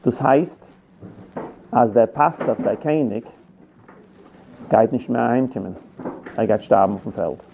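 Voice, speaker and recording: A man's voice: medium pitch, measured pace, gravelly, long pauses, slight background noise. A man teaching a Bible story, retelling it with acted quotes and frequent restarts. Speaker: Torah teacher. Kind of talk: Yiddish-flavored Bible lesson. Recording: tinny phone-like line.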